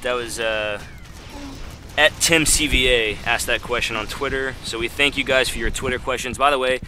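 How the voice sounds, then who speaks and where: A man's voice: mid-range voice, fairly even intonation, normal speed, bright, forceful tone, a little hiss or hum. A man hosting a developer live stream, reading viewer questions aloud and joking around with lots of fillers. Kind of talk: casual live-stream banter.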